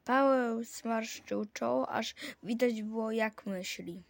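A woman narrates a children's story in an unhurried, measured reading. Her voice sits slightly high and moves at a very slow pace. The recording is dry, with no room sound. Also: creaky, dry recording. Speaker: reader.

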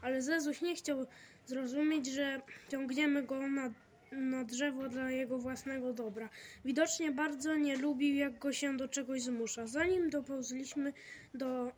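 A woman reads a children's storybook aloud in a high, lively voice. She reads expressively and stumbles now and then. A faint hum sits in the background. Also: a little slow. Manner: lively expressive reading with small slips. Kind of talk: storybook reading.

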